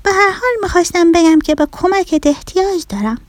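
Naive young fish child, voiced by a woman, lively storyteller, mellow tone, dry close sound. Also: very high-pitched, dry recording. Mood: earnest. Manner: earnest, chatty, lively telling.

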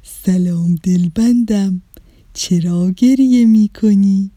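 A woman voicing an ancient, kind vinegar in a storybook, soothing and gentle. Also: medium pitch, animated, no echo, clean studio sound, natural voice. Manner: warm, soothing, slow.

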